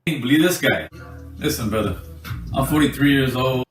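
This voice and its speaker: A man's voice: medium pitch, normal speed. Forties male vlogger, preachy and blunt; off-mic in an echoey room with faint music. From Los Angeles area. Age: 40s. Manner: blunt, preachy street talk, calls the viewer "homeboy". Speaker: YouTuber. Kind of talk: direct-to-camera vlog. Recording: roomy, distant clip with faint music.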